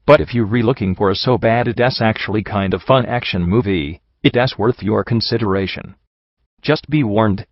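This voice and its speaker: A man's voice: on the low side, no echo. A man narrating a scripted list of movie recommendations in a wry, playful, upbeat manner. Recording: dull, lo-fi dry sound.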